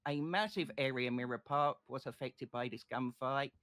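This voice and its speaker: A man playing a state prosecutor in an online courtroom role-play, making a passionate, deliberate closing argument. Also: mid-range voice, a bit bright, lightly acted. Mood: firm, insistent.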